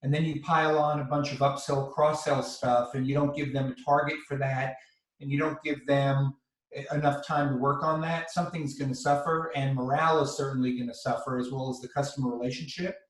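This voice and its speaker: A man's voice: medium pitch, little pitch movement, fairly quick. A man on a video call making his points emphatically and assertively. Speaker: participant. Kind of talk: casual video call discussion. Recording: roomy echo.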